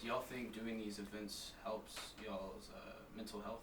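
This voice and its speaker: A man's voice: on the low side, fairly even intonation, unhurried. A man asking hesitant, casual interview questions. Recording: distant, roomy, noisy with clicks.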